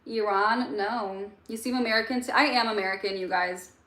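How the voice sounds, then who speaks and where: A woman's voice: mid-range voice, moderate pace. Chatty young woman streamer, roomy echo. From Egypt. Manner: relaxed, chatty, answers chat questions with many fillers. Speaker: livestream host. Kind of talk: casual late-night chat with viewers. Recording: roomy echo with faint music.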